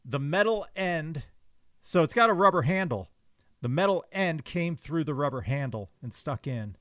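This is a man in a casual podcast chat who gropes for words and fills his pauses. His voice sits fairly high for a man. It is recorded close and dry. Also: animated, fairly bright tone, dry recording. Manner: hesitant, lots of fillers.

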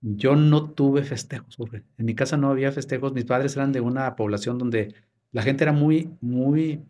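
A man's voice: mid-range voice, normal speed, dark tone, a little hiss or hum. A Mexican man in his fifties, a podcast guest telling family stories in casual conversation and acting out old dialogues. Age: 50s. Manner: storytelling, reenacts family dialogue. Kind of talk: casual interview chat.

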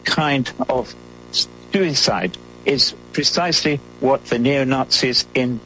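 A man speaking as a live interpreter, giving a formal simultaneous translation of a speech in measured phrasing with halting restarts. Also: mid-range voice, bright, forceful tone, a little hiss or hum, low-quality recording.

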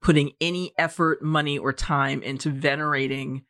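A woman's voice: sits low, fairly even intonation, normal speed, fairly bright tone, no room sound, clean studio sound. A woman co-hosting a film podcast, giving thoughtful, explanatory commentary in a conversational way.

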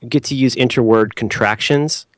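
A man's voice: medium pitch, moderate pace, dry recording, clean studio sound. A man from the American Midwest with a Midwestern accent, co-hosting a casual comedic chat, teasing with mock-serious asides.

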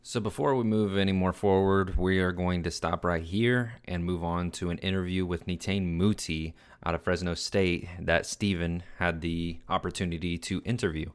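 A man hosting a podcast, reading announcements in a steady, scripted way. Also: low-pitched, moderate pace, few pauses, clear, resonant tone. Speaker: podcast host.

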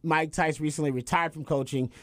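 A man hosting a sports podcast, commenting casually with emphatic repeats and halting restarts. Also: fairly high pitch, steady tone, a bit bright, no room sound.

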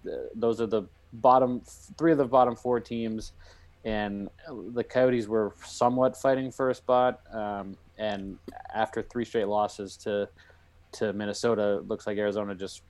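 A man with a somewhat low voice co-hosts a casual sports podcast. He gives blunt, opinionated takes and swears casually. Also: darkish tone. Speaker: podcast co-host.

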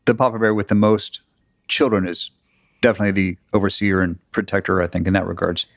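A man's voice: low-pitched, steady tone, quick pace, dry recording. A middle-aged man co-hosting a podcast in casual chat, easygoing with a dry sense of humor. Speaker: podcast co-host.

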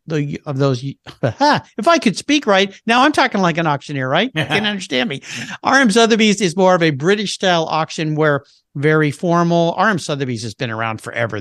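A man's voice: on the high side, a bit bright, no echo. Chatty upbeat man on a dry mic. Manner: chatty and enthusiastic, with many fillers. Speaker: car show host and guest expert. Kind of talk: casual radio interview.

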